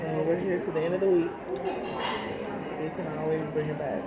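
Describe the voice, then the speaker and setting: A woman's voice: deep voice, level tone, normal speed. A woman co-hosting a mukbang, talking casually and teasingly while she eats. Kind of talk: casual chat while eating. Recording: roomy echo, loud chatter behind.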